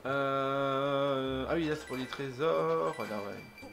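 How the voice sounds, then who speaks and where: A man's voice: mid-range voice, steady tone, slow, creaky, very noisy. A man giving casual gameplay commentary as a let's play host, thinking aloud and hesitating with many fillers. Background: game music.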